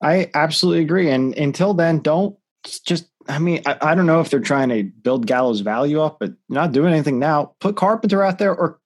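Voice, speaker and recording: A man co-hosting a sports podcast, talking in an animated, exasperated way as his voice jumps up when he gets worked up. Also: fairly high pitch. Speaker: podcast co-host. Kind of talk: casual sports podcast chat.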